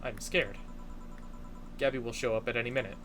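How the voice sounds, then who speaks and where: A man's voice: medium pitch, fairly even intonation, fairly quick, a bit bright, close to an everyday voice. A man voicing an anxious, irritable young woman bartender in a game, with a stammering, dramatic delivery. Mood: nervous. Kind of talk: hobby video game voice-over.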